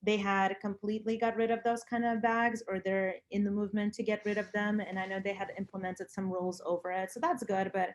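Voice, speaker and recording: A woman talks in an informal, conversational way. Her pitch sits in the middle range, and she is earnest, often repeating a phrase for emphasis. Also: little pitch movement, brisk, few pauses. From Lithuania. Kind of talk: casual conversation about personal views.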